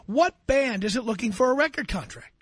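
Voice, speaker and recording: Blunt, husky-voiced radio host. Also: male voice, extremely high pitch, animated, moderate pace, a bit bright, no room sound. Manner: blunt, lecturing, emphatic. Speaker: radio talk show host. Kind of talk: call-in advice talk.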